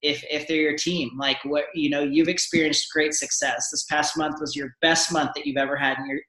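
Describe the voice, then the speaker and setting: A man's voice: on the high side, level tone, moderate pace, pushed and bright, roomy sound, low-quality recording. A man hosting a live video panel, encouraging and rambling, with frequent restarts. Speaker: host.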